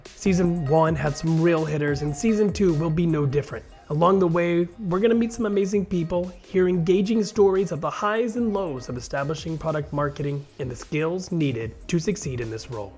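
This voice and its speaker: A man hosting a podcast interview, hoarse and raspy from a head cold, upbeat as he introduces the show and his guest. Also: a little high, a little fast, darkish tone, faint music behind. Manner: upbeat, reads a sponsor spot. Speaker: podcast host.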